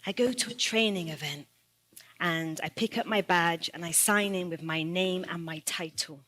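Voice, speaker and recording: A woman's voice: on the low side, normal speed, a bit bright. A woman, an assistant principal, giving an earnest personal speech and building her points with a repeated rhetorical refrain. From United Kingdom.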